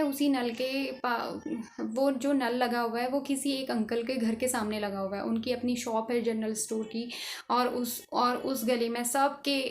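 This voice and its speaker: A woman's voice: fairly high pitch, slight background noise. A woman telling a personal story on her own vlog channel in an earnest, emphatic way. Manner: earnest, emphatic, passionate about social causes. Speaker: channel creator.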